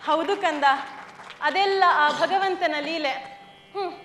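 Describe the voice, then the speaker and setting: A poor, loving mother in a stage play, soothing and sorrowful, as a woman acts her out. Her voice is very high. The sound is echoey, with faint music behind. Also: slow, fairly bright tone, a little hiss or hum, exaggerated voice. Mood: tender.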